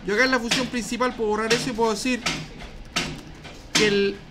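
Chatty Chilean teacher with slangy asides. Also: male voice, very high-pitched, steady tone, a little fast, heavy background noise. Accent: Chilean Spanish. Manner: slangy, chatty, asks "¿ya?" often. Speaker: programming teacher. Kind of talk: live class, casual explaining. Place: classroom.

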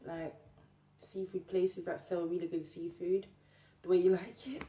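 A young woman with a Jamaican accent chats casually to her viewers over a meal, chewing while she talks. Her voice is soft-edged and mellow. It is picked up from some distance in a roomy space, with faint noise behind it. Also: fairly low pitch, flat delivery, a little slow. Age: young adult. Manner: chewing while talking, with mouth often full. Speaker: mukbang vlogger. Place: small indoor room at a table.

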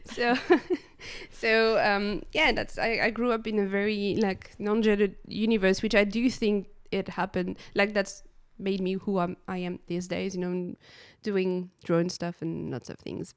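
A woman's voice: mid-range voice, clean tone, no echo, studio quality. A woman in her thirties from France with a French accent, hosting a casual podcast chat on a couch with a handheld mic and laughing often. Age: 30s. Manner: giggly, many restarts and fillers. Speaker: podcast host, drone pilot. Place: living room couch. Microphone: handheld dynamic mic.

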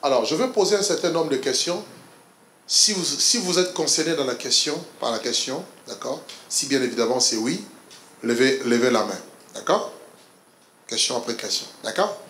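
A man leading an interactive church seminar on couples, quizzing his audience in an animated, laughing way. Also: medium pitch, normal speed, slight background noise. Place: church hall. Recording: echoey church hall.

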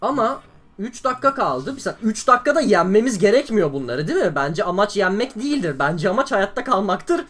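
A young man from Turkey giving excitable live commentary over his own gameplay, exclaiming and grumbling as things go wrong. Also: sits high, a little fast. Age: young adult. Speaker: gaming YouTuber.

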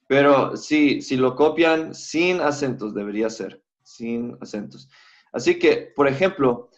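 A man teaching a live Hebrew class online, walking students through software on a shared screen and thinking aloud as he goes. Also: medium pitch. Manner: unhurried, thinks aloud with fillers. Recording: slightly dull lo-fi audio.

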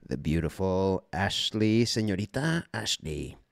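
A voice actor hosting a casual livestream, unboxing fan mail and exclaiming excitedly in a rambling way. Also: male voice, deep voice, a little slow, creaky, no room sound, studio quality.

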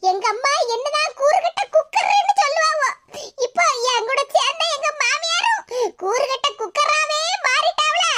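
A performer voicing a young village daughter-in-law with a Tirunelveli Tamil accent, whiny and defensive in a cartoon. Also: extremely high pitch. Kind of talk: cartoon voice acting. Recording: loud background hiss.

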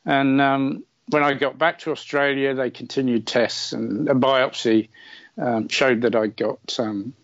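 A middle-aged man, rambling through a story in a casual, chatty way. His voice sits at an ordinary mid pitch and sounds dry and a bit dull, like remote call audio with the high end trimmed. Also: steady tone, measured pace, no room sound. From England. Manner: chatty, many fillers, self-deprecating humor. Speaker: podcast guest.

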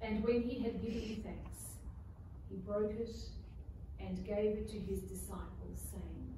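A woman priest intoning a communion prayer in measured, solemn phrases, with a cathedral echo around her voice. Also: medium pitch, steady tone. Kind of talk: liturgical prayer recitation. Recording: echoey church, distant mic, background noise.

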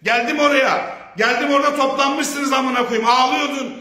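A man giving a heated, profane, confrontational video message, sometimes breaking into shouts. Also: very high-pitched, steady tone, moderate pace, reverberant. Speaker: speaker of a public video statement.

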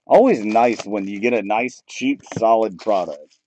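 A card break host with a fairly low voice opens packs a little slowly at a table, chatting casually and reading names and teams aloud. He stays off camera in a small room, and the camera mic's rough audio carries slight background noise.

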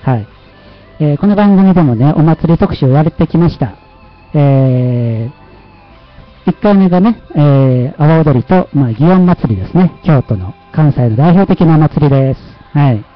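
A man's voice: on the high side, lively intonation, a little slow, lo-fi sound, soft background music. A man with a Kansai Japanese accent hosting a casual livestream, chatty and self-mocking, often laughing at himself. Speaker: livestream host.

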